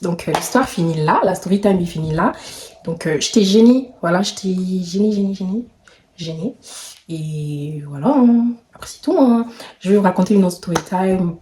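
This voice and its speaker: Animated young woman telling a storytime. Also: on the low side, moderate pace, reverberant, slight background noise. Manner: animated, slangy, laughs often, swings between loud exclamations and whispers. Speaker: vlogger. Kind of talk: casual storytime.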